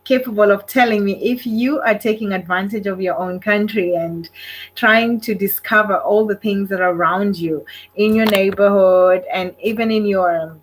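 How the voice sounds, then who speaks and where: On a low-quality recording with a little hiss or hum, a Kenyan woman addresses her livestream audience casually at normal speed. Her mid-range voice is punctuated by frequent fillers and hesitant pauses.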